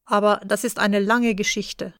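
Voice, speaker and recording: A woman reading the lines of a remorseful middle-aged uncle in an audiobook, calm and plain. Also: medium pitch, a little slow, dry recording, studio quality.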